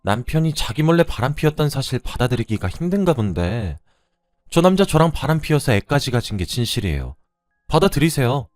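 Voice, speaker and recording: A man doing a shrill, brazen young mistress. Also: big pitch swings, brisk, no echo, faint music behind, natural voice. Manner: shrill and shameless. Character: brazen young woman, a dead man's mistress.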